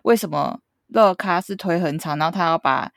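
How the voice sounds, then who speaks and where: A woman's voice: on the low side, animated, moderate pace, creaky, no room sound, clean studio sound. A woman in her thirties from Keelung, Taiwan, speaking Taiwanese Mandarin and co-hosting a casual podcast chat, frank and blunt. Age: 30s. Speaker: podcast co-host. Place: home, recorded remotely.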